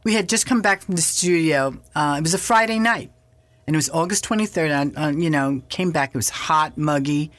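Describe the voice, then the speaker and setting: A woman's voice: deep voice, brisk, dry recording. Older lady guest spinning a story, acts out the voices, dry sound. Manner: animated, acts out past dialogue. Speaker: interview guest. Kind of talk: casual storytelling interview.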